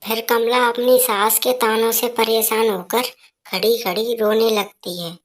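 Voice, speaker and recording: A woman narrating a cartoon moral story in a plain, steady way. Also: a little high, measured pace.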